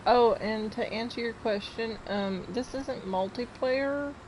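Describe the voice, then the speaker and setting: A woman's voice: a little high, a little slow, darkish tone, a little hiss or hum. A young woman, chatting casually on a gameplay live stream and laughing often between words.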